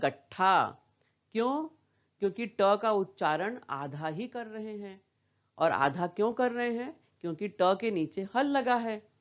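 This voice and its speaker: A woman's voice: mid-range voice, lo-fi sound. A woman teaching a primary school lesson, patiently repeating words and asking questions back to the children. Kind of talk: slow classroom lesson for young children.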